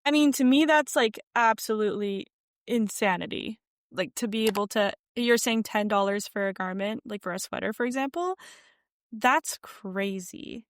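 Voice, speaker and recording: A woman's voice: medium pitch, normal speed, dry recording. Chatty young woman, dry close sound. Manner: chatty, many "like" fillers, animated emphasis. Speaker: podcast guest, sewing content creator. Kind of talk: casual interview chat. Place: home room with yarn shelves.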